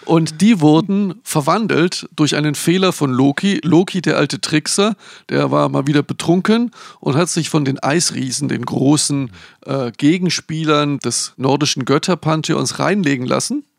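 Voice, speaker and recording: A man's voice: on the high side, moderate pace, gravelly, no echo, studio quality. A man casually retelling the plot of a children's book, loosely and with restarts. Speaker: book presenter. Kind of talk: casual book recommendation talk.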